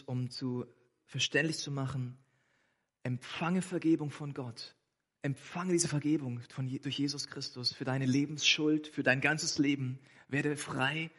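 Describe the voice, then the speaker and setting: A man's voice: medium pitch, pushed and bright, breathy edge. A man preaching a sermon, retelling a parable and addressing the listeners directly. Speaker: pastor.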